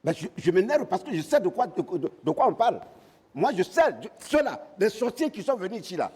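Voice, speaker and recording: Man, blustering, threatening, high voice, swooping pitch. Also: big pitch swings, fairly quick, darkish tone, breathy edge. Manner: blustering, threatening, laughs while talking. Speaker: comic parliament member under accusation. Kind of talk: sketch comedy. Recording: long reverb of a stage hall.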